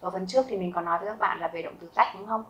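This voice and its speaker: A Vietnamese woman teaching a German grammar lesson, explaining step by step, asking her learners questions and saying example sentences slowly twice. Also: fairly low pitch, steady tone, fairly bright tone, poor audio. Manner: asks learners rhetorical questions.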